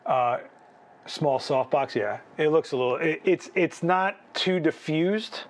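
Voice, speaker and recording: A photography livestream host critiques photos live, chatting loosely, thinking aloud with restarts, and asking "right?" His voice is somewhat high and a little slow, and it sounds worn, as though he is losing it.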